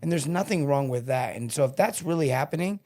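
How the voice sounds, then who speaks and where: Animated man telling sales stories. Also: fairly high pitch, fairly quick. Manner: animated storyteller, acts out quotes. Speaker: sales coach guest. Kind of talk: casual podcast interview.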